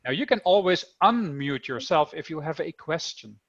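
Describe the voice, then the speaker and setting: A Dutch-accented man from the Netherlands teaches an online coding class to children over a video call, chatty and upbeat and speaking to the kids directly. His voice is fairly high, animated, a bit bright, and moderately paced, with lo-fi sound.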